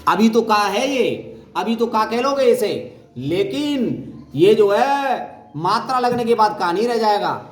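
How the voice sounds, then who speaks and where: Teaching Hindi reading at primary level, this man repeats every sound, poses questions he answers himself, and shouts out the syllables. His voice sits high, he is animated, and he takes his time. The room echoes and has a little faint noise.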